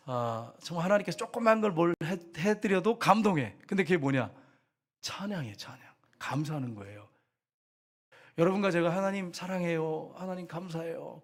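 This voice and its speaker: Male pastor, church sermon, slightly higher voice, conversational questions to congregation, bursts of emphasis. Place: church sanctuary.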